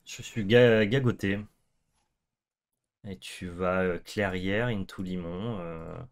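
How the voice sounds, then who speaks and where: A man with a French accent casually commentating a card game with a friend, excitable and swearing, yelling when surprised. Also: low-pitched, slow. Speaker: co-host.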